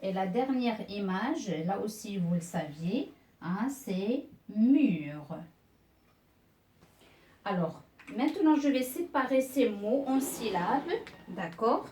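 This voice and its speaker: Slow, patient woman teaching beginners. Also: medium pitch, expressive, warm tone, distant mic. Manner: patient, repeats words and syllables slowly. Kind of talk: slow beginner reading lesson. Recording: echoey room, voice off-mic.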